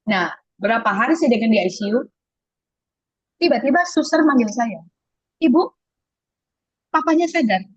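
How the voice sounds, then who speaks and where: A middle-aged woman giving a personal faith testimony as an interview guest, telling her story in an animated way and acting out the voices she quotes. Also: on the high side, normal speed, pauses often, breathy edge, no room sound. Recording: dull lo-fi sound.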